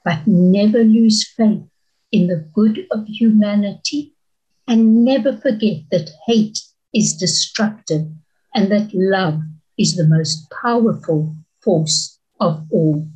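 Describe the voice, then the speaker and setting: A woman voicing an elderly male rabbi who speaks slowly and gravely as she reads aloud from her book. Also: medium pitch, warm tone, close to an everyday voice, rough recording. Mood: solemn. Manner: slow, grave reading.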